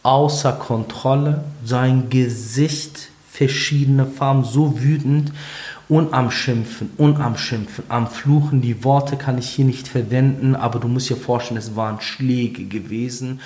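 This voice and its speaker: A young man sharing a personal testimony in conversation, earnest and halting, with frequent restarts. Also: medium pitch, steady tone, darkish tone, reverberant.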